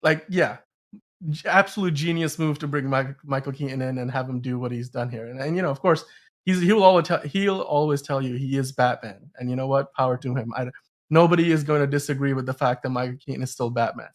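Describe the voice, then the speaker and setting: A podcast host talks about films in a casual, rambling, emphatic way, often tripping over his words. His voice is mid-range and his pace is quick.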